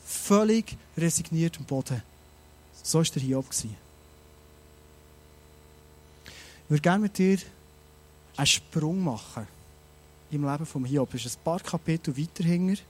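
A man preaching a sermon, animated and speaking straight to his listeners with many rhetorical questions. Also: fairly high pitch, moderate pace, pauses often.

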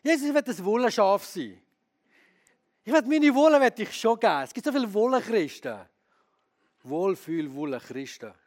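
A man preaching a sermon as a pastor, lively and candid, who often asks his audience questions. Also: sits high, normal speed, long pauses.

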